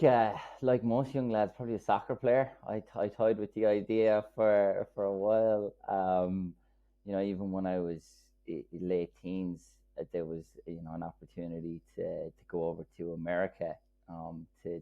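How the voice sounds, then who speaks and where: Deep-voiced west of Ireland man, phone-like sound. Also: steady tone, normal speed, gravelly. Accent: Kerry, west of Ireland. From Killarney, County Kerry, Ireland. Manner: hesitant, rambling, with repeated words. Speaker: podcast guest. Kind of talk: casual conversational interview. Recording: narrow phone-like call audio.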